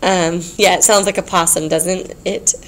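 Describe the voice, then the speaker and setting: A woman's voice: fairly low pitch, steady tone, moderate pace, a little hiss or hum. A woman teaching a geometry class, explaining patiently, repeating key points and checking in with her students. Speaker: math teacher.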